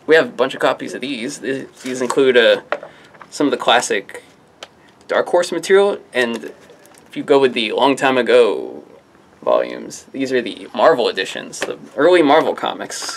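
A comic shop staffer casually runs through new releases to camera, rambling and offhand, with jokey self-mocking asides and frequent trailing "I don't know"s. His voice is medium-pitched and expressive at a moderate pace, with a little hiss or hum in the audio.

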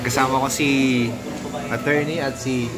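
A man's voice: mid-range voice, level tone, normal speed, over loud music. Chatty young man vlogging at dinner. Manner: chatty, playful, switching Tagalog and English. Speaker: vlogger host. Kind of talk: casual vlog chat. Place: restaurant dinner table, indoors.

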